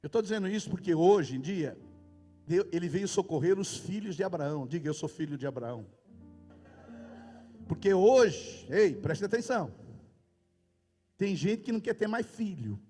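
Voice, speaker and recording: Brief: Brazilian male pastor, high voice, emphatic sermon, long hall reverb. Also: lively intonation, moderate pace. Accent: Brazilian Portuguese. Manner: emphatic preaching with sudden loud outbursts. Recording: reverberant hall with faint music. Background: faint music.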